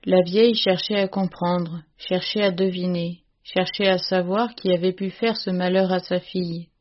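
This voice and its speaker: A woman narrating a classic story in a measured, expressive audiobook reading. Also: lowish voice, lo-fi sound.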